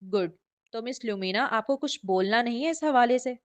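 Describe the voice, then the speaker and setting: A woman's voice: fairly high pitch, animated, normal speed, natural voice. A woman reading the lines of a stubborn, demanding young man who is the hero of a romance novel. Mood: insistent. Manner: demanding and insistent.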